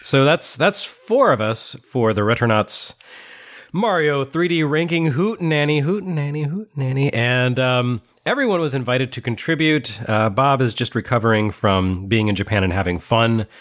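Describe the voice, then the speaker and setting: A man's voice: mid-range voice, expressive, normal speed, few pauses, fairly bright tone. A man hosting a podcast in casual chat, talkative and self-mocking, often laughing. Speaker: podcast host.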